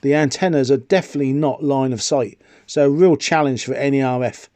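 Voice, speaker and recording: A middle-aged British video presenter and radio hobbyist narrates an informal product review, chatty and explanatory, tossing in rhetorical questions. His medium-pitched voice has a darkish tone and moves fairly quickly, with no room sound.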